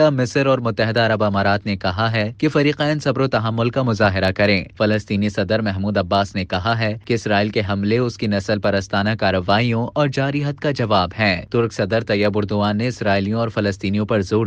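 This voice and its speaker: A man reading a scripted news voice-over in an even, formal delivery. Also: lowish voice, dry recording, lo-fi sound. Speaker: news narrator.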